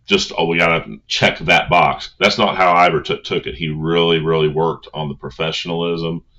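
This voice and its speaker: A man's voice: sits low, sharp tone. A man speaking as a coach, giving an informal motivational talk in an earnest, conversational manner on a dull recording.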